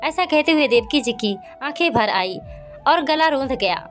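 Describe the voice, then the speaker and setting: A woman's voice: sits high, lively intonation, normal speed. A woman narrating a scripted story and reading every character's lines in her own voice. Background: soft background music.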